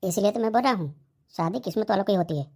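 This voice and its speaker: A woman voicing a grown married man in a comedy cartoon whose wife has left him, snapping back with quick complaints. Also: medium pitch, animated, warm tone. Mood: explaining. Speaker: cartoon character.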